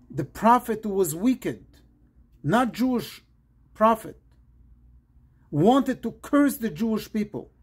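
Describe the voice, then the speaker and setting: A man from Morocco, a rabbi, giving an earnest pre-Shabbat sermon in short, measured phrases. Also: sits high, breathy edge.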